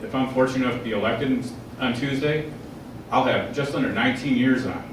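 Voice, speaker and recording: A candidate in his forties speaks at a public forum, answering questions with earnest plain talk. His pitch is medium and his pace fairly quick; the recording comes from far off in a large, echoey hall with background noise.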